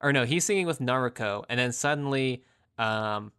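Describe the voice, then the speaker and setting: Bright, smooth-voiced young man rambling. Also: mid-range voice, moderate pace. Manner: rambling, acts out characters' lines in quotes. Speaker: podcast co-host. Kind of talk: casual podcast chat.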